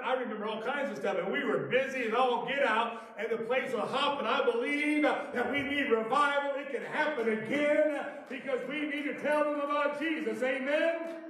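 Middle-aged pastor, high ringing voice, fiery revival preaching, heard from afar in a booming sanctuary. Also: male voice. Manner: preaching with rising shouts and playful asides. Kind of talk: revival sermon. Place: church sanctuary, preaching from a pulpit. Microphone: far camera at the back of the sanctuary. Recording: echoey church from far off.

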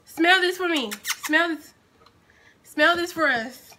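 A woman's voice: very high voice, slow pace, background noise. A woman hosting a casual challenge video at home, chatty and giggly, with squealing exclamations. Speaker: vlogger, channel host. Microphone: phone.

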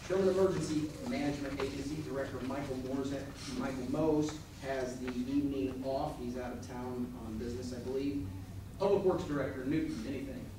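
A man's voice: medium pitch, steady tone, fairly quick. An American man acting as board president, running a formal meeting in a procedural, matter-of-fact way. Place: village board meeting room, indoors. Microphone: far camera from audience. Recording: distant mic, very echoey noisy meeting room.

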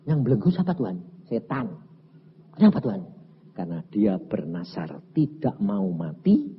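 A man, preaching a storytelling sermon, acting out dialogue and swinging from shouts to hushed tones. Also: lowish voice, sing-song, normal speed, slight background noise. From Central Java, Indonesia. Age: 80s. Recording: dull recording in echoing hall.

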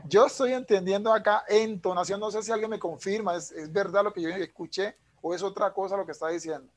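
A man's voice: sits high, steady tone, a little fast, a loud crowd. A man, an English teacher explaining punctuation patiently over a video call. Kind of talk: online class explanation.

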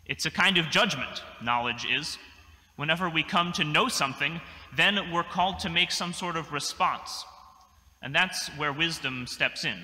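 A young adult man, a priest, gives a measured, thoughtful sermon from a church pulpit, with dry little asides. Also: on the high side, bright, forceful tone. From United States. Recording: long church reverb.

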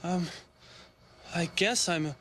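A young man playing a timid, dog-like young man who speaks haltingly and eagerly. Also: sits high, pushed and bright, slight background noise, exaggerated voice. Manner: halting, hesitant, eager to please.

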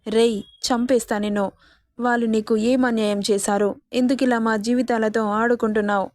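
A woman's voice: fairly high pitch, flat delivery, moderate pace, a little mellow, dry recording, close to an everyday voice. A woman voicing a frightened young woman held captive, who pleads and speaks through tears in a storybook reading. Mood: pleading. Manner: pleading, tearful.

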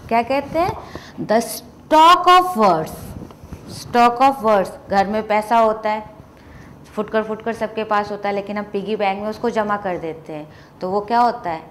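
A woman's voice: medium pitch, a little hiss or hum. A woman teaching English grammar in a classroom-style lesson, asking rhetorical questions and answering them herself.

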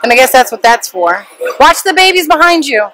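A woman's voice: sits high, a little fast, a little hiss or hum, low-quality recording. Bubbly young woman vlogging in a mall. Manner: bubbly and excitable, gushing over cute things. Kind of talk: casual vlog chat. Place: indoor shopping mall playground. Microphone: handheld camera at arm's length. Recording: loud mall ambience behind.

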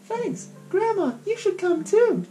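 A man voicing a cheerful young girl in a game, in a high, chirpy falsetto. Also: big pitch swings, slow, warm tone, full character voice. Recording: guitar music playing behind.

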